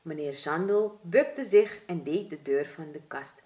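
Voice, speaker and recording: A woman from Suriname with a Surinamese Dutch accent, reading a children's storybook aloud as storyteller in an expressive, deliberate way. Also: low voice.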